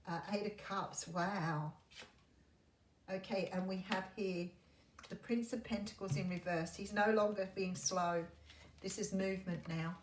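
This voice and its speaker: A woman giving a mystical tarot horoscope reading, speaking in an intuitive, musing way with pauses as she works through the cards. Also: lowish voice. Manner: intuitive, musing, pausing as cards are turned. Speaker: tarot reader. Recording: roomy echo, faint background noise.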